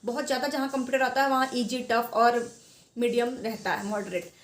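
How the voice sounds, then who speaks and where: A woman's voice: on the high side, steady tone, a little fast, roomy sound. A woman giving informal exam advice to students, chatty and repetitive, restarting her sentences often. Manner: chatty, repeats herself, many restarts. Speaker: exam preparation guide.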